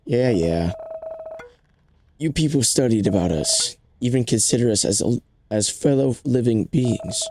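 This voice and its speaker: A man's voice: mid-range voice, a little slow, darkish tone, soft background music, natural voice. Sarcastic plant, voiced by a man, dry and scornful.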